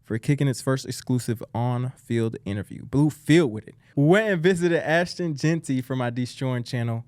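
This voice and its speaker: A man's voice: medium pitch, moderate pace, a little mellow, dry recording. Male podcast host, frat-bro type, casual hype and heavy slang, mid-range voice, close dry sound. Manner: slangy frat-bro talk, peppered with bro, man and my boy. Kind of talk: casual hype interview chat.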